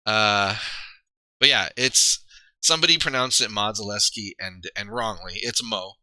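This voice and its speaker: A man's voice: fairly low pitch, expressive, measured pace, sharp tone, clear, resonant tone, no room sound. A man streaming live, rambling casually to his viewers, trailing off and poking fun at himself. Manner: rambling, self-deprecating, trails off and restarts.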